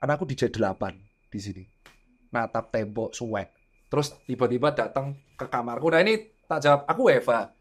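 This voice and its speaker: A man in his thirties chats on a podcast as a doctor and father. He tells stories in an animated way, slipping into the voices of the people he quotes. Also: medium pitch, a little fast. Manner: animated storytelling, acting out quoted dialogue. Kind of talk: casual podcast chat.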